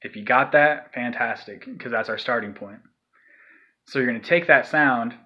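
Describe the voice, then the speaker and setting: A vocal tutorial maker rambles casually through a technique, with plenty of fillers, restarts and breathy sighs to demonstrate. His voice sits at an everyday middle pitch at normal speed, and the recording sounds dull and lo-fi, like a home setup.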